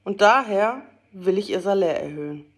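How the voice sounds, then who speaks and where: A woman's voice: mid-range voice, expressive, moderate pace, lightly acted. A woman voicing an elderly male merchant, mock-stern with his clerk and then earnest and hearty, in a storybook reading. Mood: mock-gruff.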